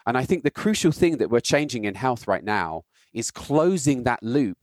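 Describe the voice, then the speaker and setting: A man's voice: mid-range voice, very animated, normal speed, no room sound. British man explaining health data, dry sound. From Britain. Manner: explanatory, builds points with rhetorical "right?". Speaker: guest, health data scientist. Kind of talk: casual podcast conversation.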